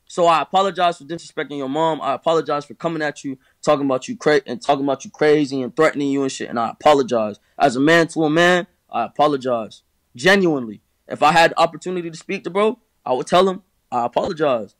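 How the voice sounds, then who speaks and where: A man's voice: fairly high pitch, fairly bright tone, no echo. A nineteen-year-old man in candid conversation, talking emphatically and profanely, repeating himself and ending lines with "bro". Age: teens. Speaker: rapper guest.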